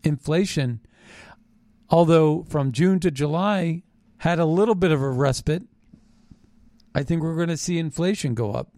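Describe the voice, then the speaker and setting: An American man hosts a commentary show with an off-the-cuff, suspicious rant. His voice sits a little higher than most men's. He leans on repeated phrases for emphasis in a conspiratorial way, and the sound is dry, with little room around it. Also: a little slow, long pauses, a little mellow, dry recording. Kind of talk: unscripted political rant monologue.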